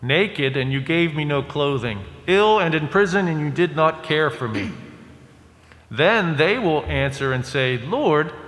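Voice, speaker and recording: Male priest, formal Gospel reading, measured delivery, cathedral echo, long reverb. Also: a little high, animated, a bit bright. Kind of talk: liturgical Scripture reading. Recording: echoey church with long reverb.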